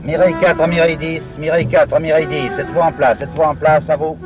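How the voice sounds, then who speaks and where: A man's voice: a little high, level tone, quick pace, music in the background. Man on a police two-way radio. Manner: repetitive, clipped call signs. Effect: police two-way radio transmission. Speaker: police officer on surveillance. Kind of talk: radio call procedure.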